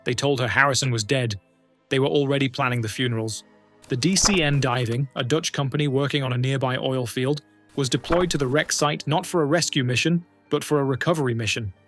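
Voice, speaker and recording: A man's voice: mid-range voice, steady tone, brisk, a bit bright, faint music behind. A man giving scripted documentary narration, telling a true story in a dramatic, suspenseful way.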